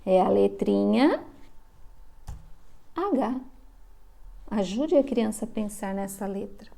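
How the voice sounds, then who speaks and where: A middle-aged woman from Brazil, a literacy teacher explaining to parents, slowly sounding out syllables. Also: medium pitch, animated, vocal fry, mellow. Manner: slow, drawn-out sounding of syllables.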